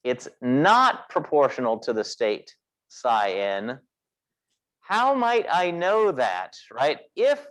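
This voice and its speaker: Lively male physics lecturer. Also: medium pitch. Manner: explains step by step, asks rhetorical questions. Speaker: physics instructor. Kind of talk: lecturing in a class meeting. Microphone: recorded class session.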